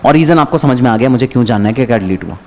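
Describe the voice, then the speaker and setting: A man teaching an exam revision lecture, chatty and lively, talking straight to his students. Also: medium pitch, racing. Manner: lively, chatty, addresses students by name, mixes English terms.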